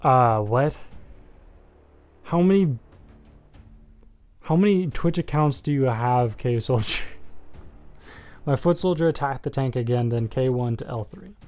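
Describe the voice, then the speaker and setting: A young man of average pitch streams a strategy board game, joking with his chat and rambling through moves with lots of "um" and "like". Soft background music plays faintly behind his voice. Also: expressive, measured pace, pauses often. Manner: chatty, joking, talks to chat, many fillers.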